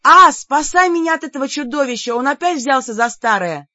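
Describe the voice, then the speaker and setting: A feisty young heroine shrieks in a high, loud voice, as a woman reader acts her out. Her panicked exclamations sound dull and dry on the recording. It is an audiobook character voice. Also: animated, fairly quick, dry recording.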